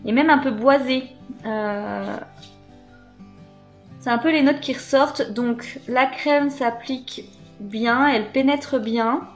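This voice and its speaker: A woman talks casually through a beauty box unboxing, full of little hesitations. Her voice sits a touch high, and soft music plays faintly underneath. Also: slow pace. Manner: chatty, hesitant, many fillers. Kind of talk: casual unboxing chat to camera.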